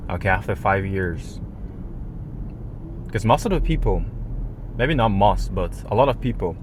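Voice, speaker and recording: Speaking in a low voice, a native Japanese man delivers a casual, rambling vlog monologue in non-native, slangy phrasing with some swearing. He sounds animated yet keeps a measured pace, and clear street and vehicle noise is audible behind him.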